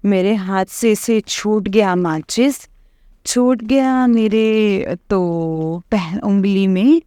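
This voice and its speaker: A woman's voice: medium pitch, drawn-out words, mellow, clean tone, dry recording, studio quality. A woman telling a rambling personal testimony to a congregation, full of hesitant fillers and repeated address to her listeners. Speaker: devotee sharing a testimony.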